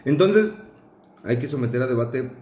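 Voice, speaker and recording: Hombre de voz media en sala con eco. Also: male voice, mid-range voice, animated. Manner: argumentative, spells words out slowly. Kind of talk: casual group chat. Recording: echoey room, faint noise.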